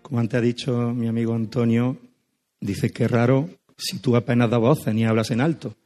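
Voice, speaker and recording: Hoarse man preaching a sermon. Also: mid-range voice, fairly even intonation, moderate pace, dark tone, soft background music. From Spain. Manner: affectionate, joking, conversational preaching. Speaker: guest pastor. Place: church.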